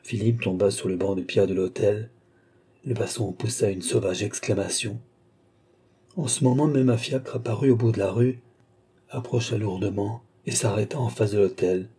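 A man reading a classic novel aloud with measured, expressive narration. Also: fairly low pitch, breathy edge. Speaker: audiobook reader.

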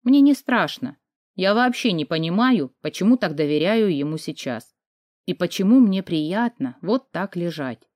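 Expressive woman reading a novel aloud. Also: fairly low pitch, unhurried, no room sound, clean studio sound. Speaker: audiobook narrator. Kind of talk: first-person audiobook narration.

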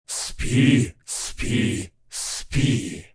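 A man voicing a chorus of ghostly dead warriors in an audiobook, hushed and chanting. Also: fairly high pitch, sing-song, drawn-out words, husky, heavily acted. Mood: whispering.

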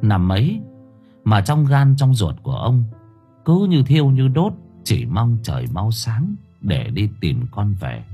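A man narrating an audiobook story in a dramatic, expressive way. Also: lowish voice, unhurried. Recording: faint music underneath.

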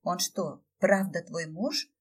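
A woman's voice: fairly low pitch, fairly even intonation, slow pace, slightly rough, far from the mic. A woman reading a commanding young princess. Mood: gentle.

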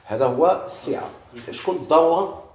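Brief: Moroccan-accented male grammar teacher, quick delivery, quizzes himself aloud, echoey room. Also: fairly high pitch, darkish tone, slight background noise. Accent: Moroccan Arabic. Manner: poses questions and answers them himself. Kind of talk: classroom grammar lesson.

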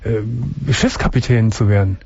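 Hosting a late-night call-in show from a radio studio, a man puts friendly, direct questions to his callers. His voice is lowish, husky, creaky and darkish, a little slow, and dry. The broadcast sounds dull and lo-fi.

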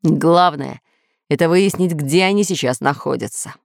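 A woman voicing a menacing male villain who rules an island, gruff and blustering in a storybook reading. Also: low-pitched, normal speed, no echo, studio quality, voice pushed down. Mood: scheming. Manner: gruff, blustering, shouting threats.

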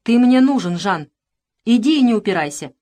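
A woman's voice: a little high, expressive, normal speed, a little mellow, lightly acted. A woman voicing a stern, cold noblewoman who scolds and commands her son harshly, in an audiobook. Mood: cold anger.

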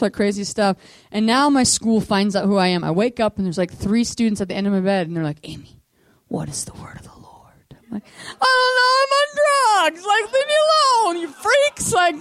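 A woman telling a personal testimony at a missions training school in a casual, animated way, acting out quotes in hushed whispers and high squeaks. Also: no room sound.

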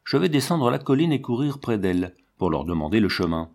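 A man's voice: mid-range voice, very animated, a little fast, vocal fry, a little mellow. A man voicing an eager young boy.

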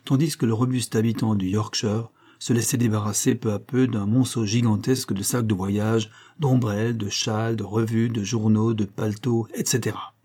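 Husky-voiced man narrating an audiobook. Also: fairly low pitch, steady tone, normal speed, few pauses, mellow. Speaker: audiobook reader.

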